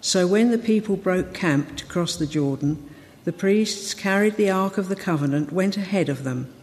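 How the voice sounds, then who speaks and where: Woman reading scripture in church echo. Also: lowish voice. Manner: steady reading with small slips. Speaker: scripture reader. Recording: long church reverb.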